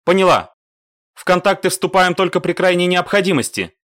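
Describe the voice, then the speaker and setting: A man voicing a brisk, commanding woman squad leader in an audiobook. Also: on the low side, lively intonation, fairly bright tone, dry recording, clean studio sound, voice pushed up. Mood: clipped radio. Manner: bossy, no-nonsense.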